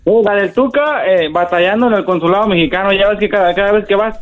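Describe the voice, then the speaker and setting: A man's voice: high-pitched, fast, phone-quality sound, faint music behind. A man calling into a radio show, laid-back and joking. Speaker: caller. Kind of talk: call-in radio chat.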